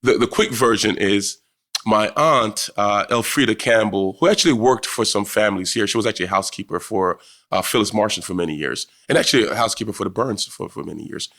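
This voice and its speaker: A man's voice: fairly low pitch, fast, a bit bright. A man in his forties from Jamaica, a town councilman chatting as a podcast guest, friendly, with many fillers and restarts. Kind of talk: casual podcast conversation. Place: office with law books.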